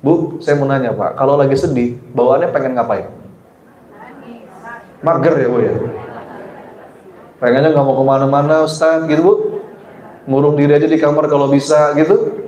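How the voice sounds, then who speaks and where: Male preacher, conversational sermon, keeps asking the women listening questions, mellow tone, roomy hall. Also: a little high, muffled recording. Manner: often turns to the women listening and asks them questions; soft and slow in reflective passages. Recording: roomy hall with faint ambience.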